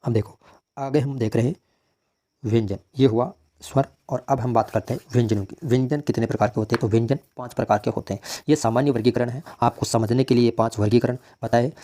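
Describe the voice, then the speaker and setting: Mellow-voiced male teacher lecturing. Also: medium pitch. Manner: asks questions and answers them himself; repeats key points for emphasis. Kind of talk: classroom grammar lecture.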